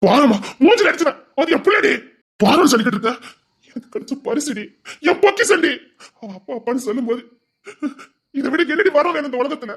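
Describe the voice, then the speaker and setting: A woman's voice: sits high, expressive, fairly quick. A woman with a Tirunelveli Tamil accent playing an anxious husband who pleads and repeats himself over and over. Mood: pleading.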